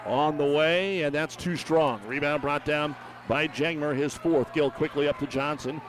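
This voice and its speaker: Excited high-voiced basketball radio announcer. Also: male voice, background noise. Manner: rapid, excited calls that rise on big plays. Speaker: play-by-play announcer.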